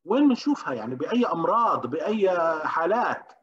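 A man giving an interactive medical lecture, often questioning the class and pausing with hesitations. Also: a little high, big pitch swings, fairly bright tone. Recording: dull lo-fi recording.

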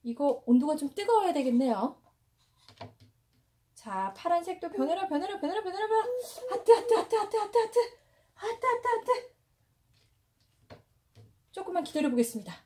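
High-pitched young woman, animated, sing-song, talks like she's playing with a toddler at home. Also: normal speed, pauses often. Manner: sing-song, exclamatory, cooing to a child. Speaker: mother filming play with her baby. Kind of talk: playful parenting vlog narration. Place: home indoors.

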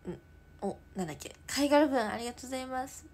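A teenage girl streaming live in her room, chatting casually, reading viewer comments aloud and drifting into soft whispers. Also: sits high, expressive, rapid-fire. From Japan. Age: teens. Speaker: idol livestreamer.

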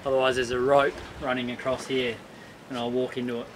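A man's voice: mid-range voice, little pitch movement, a little fast, background noise. A young Australian man, a sailing vlogger, talking casually and explaining boat chores. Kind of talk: casual vlog chat. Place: catamaran deck outdoors, later a house porch.

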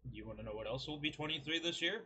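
A fast-talking man in his twenties, with a fairly high, expressive voice that sounds bright and forceful, reviews food at a desk webcam in a small, cluttered bedroom. He rambles, jokes and pokes fun at himself, and the lo-fi sound carries a little hiss or hum.

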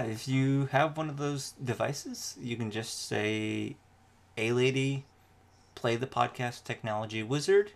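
A man, a podcast host being interviewed, talking in a halting way and often leaving his sentences unfinished. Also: mid-range voice, creaky. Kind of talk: casual interview.

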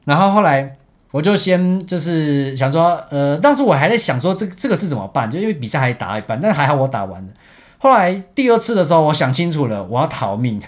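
A young man speaks Mandarin with a Taiwanese accent, telling a story in a loose, chatty way over gameplay. His pitch leaps up and drops back constantly, which makes him sound lively. He laughs often between sentences. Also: fairly quick. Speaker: esports team captain.

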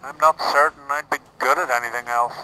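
A man playing a disillusioned, hapless Imperial soldier in a comic parody film, hesitant and deadpan, his voice filtered as if from inside a knight-like helmet. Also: mid-range voice, brisk, background noise. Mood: glum, hesitant. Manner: hesitant, deadpan, polite and self-doubting. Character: disillusioned, hapless Imperial Stormtrooper seeking a new career.

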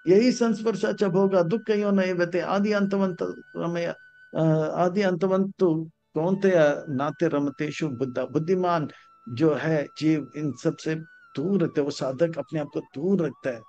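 A man giving a Hindi scripture discourse, chanting Sanskrit verses slowly and acting out characters in his stories. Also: on the high side, dark tone. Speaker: spiritual teacher. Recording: dull lo-fi sound with faint music.

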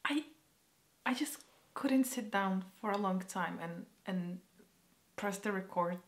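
Slow, hesitant young woman. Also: medium pitch. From Poland. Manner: halting, hesitant, often trailing into soft near-whispers. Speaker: vlogger. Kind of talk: personal vlog update.

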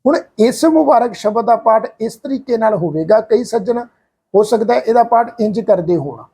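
A man with an earnest, explanatory manner, teaching the correct pronunciation of scripture and slowly chanting example lines. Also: high-pitched, animated, mellow, husky. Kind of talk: religious pronunciation lesson.

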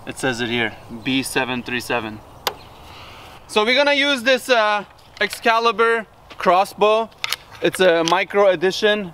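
Excitable man hosting outdoors. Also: on the high side, a little hiss or hum. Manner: excited, laughing often. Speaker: video host. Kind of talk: casual vlog commentary. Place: outdoors in an orchard.

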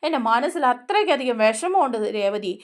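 A woman voicing a drunk, hurt son who pleads slowly and tearfully about being left out. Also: a little high, animated. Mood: hurt, pleading. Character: grieving drunk man, hurt middle son.

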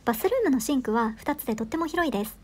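A woman in her thirties narrates a travel vlog in a quick, high, bright voice. Her scripted voice-over sounds upbeat and enthusiastic. She reviews each detail as if pleased with it. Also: animated, husky. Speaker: travel vlogger.

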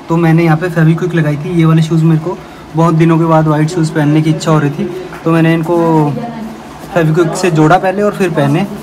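A young man talking casually to camera in a vlog, chatty, showing viewers things around his home. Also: a little high. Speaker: vlogger. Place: at home, indoors and by a parked bike.

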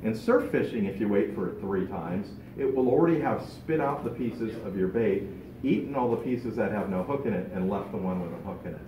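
A man's voice: on the low side, brisk, distant mic, noisy background. Man giving a casual club talk, echoey room. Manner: animated, gestures a lot while talking. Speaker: club speaker. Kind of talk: informal talk to a fishing club. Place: large meeting room. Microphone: far camera, no mic.

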